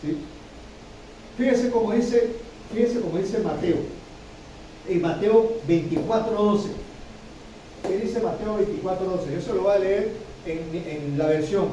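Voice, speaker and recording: Man, pastor, sermon, repetitive, checks in with listeners, high voice, distant mic, very echoey room. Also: a little slow, pauses often, dark tone, a little hiss or hum. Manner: repetitive, addresses listeners with frequent "¿sí?". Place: church hall.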